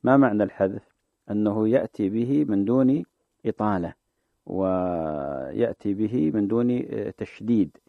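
A man, a sheikh answering religious questions on a call-in show, explaining in a measured way and drawing out the phrases he demonstrates. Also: lowish voice, creaky, dry recording. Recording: dry, phone-like narrow sound.

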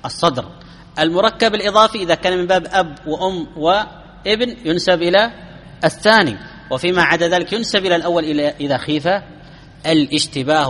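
A man giving a classical Arabic grammar lesson, explaining rules step by step, asking his students questions and chanting verses slowly. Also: on the high side, fairly bright tone, husky. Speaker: grammar teacher. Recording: long hall reverb.

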